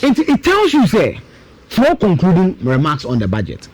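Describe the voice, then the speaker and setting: With a high-sitting voice whose pitch swoops wildly, this Ghanaian commentator in his thirties argues hard about the budget on a talk show, leaning on rhetorical questions and repetition. He keeps a moderate pace, his tone darkish, with no room sound.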